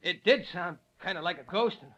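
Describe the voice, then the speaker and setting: A man's voice: high voice, lively intonation, brisk, a bit bright, poor audio. An actor playing a skeptical but cowardly henchman sidekick with rustic, slangy talk in an old radio drama. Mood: doubting. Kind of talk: 1940s radio drama acting.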